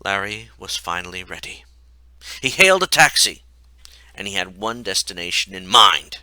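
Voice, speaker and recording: A man's voice: sits low, lively intonation, normal speed, bright, forceful tone, clean tone, no echo. A man reading his own comic story aloud in a wry, mocking way.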